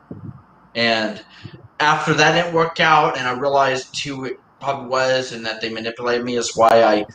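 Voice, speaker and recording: Male streamer, chatty and rambling with stop-start phrasing; sharp, bright voice in an echoey room. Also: mid-range voice, a little hiss or hum. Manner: rambling, halting, with many restarts and repeated words. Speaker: livestream host. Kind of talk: casual chat on a livestream. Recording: roomy echo.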